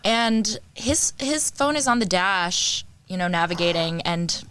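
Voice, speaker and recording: Bright-voiced young woman telling a story. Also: on the low side, a little slow, slight background noise. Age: young adult. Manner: animated storyteller, laughs often. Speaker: podcast guest. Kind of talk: casual chat.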